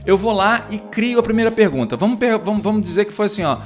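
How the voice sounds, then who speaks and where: Soft music plays behind a man teaching English who talks fast in a high voice with lively intonation. Casual and chatty, he restarts and uses lots of fillers while explaining lesson steps and acting out dialogues between teacher and students.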